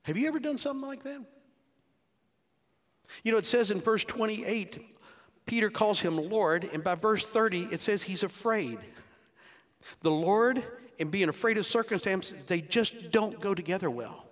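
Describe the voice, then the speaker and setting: Speaking slightly slowly in a high voice, a sixty-something pastor addresses his congregation with a conversational sermon and rhetorical questions. The church's long hall reverb carries his words.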